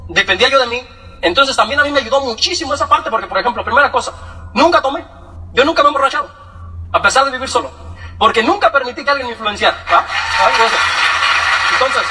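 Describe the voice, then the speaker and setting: Man, personal testimony, animated, acts out voices, quick talker, high voice. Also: far from the mic, rough recording. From Michoacán, Mexico. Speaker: testimony speaker.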